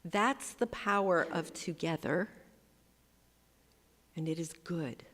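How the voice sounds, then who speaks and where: Slow-preaching woman pastor in reverberant hall. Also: on the low side, fairly bright tone. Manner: slow, emphatic, leads call-and-response. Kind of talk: sermon. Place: church sanctuary.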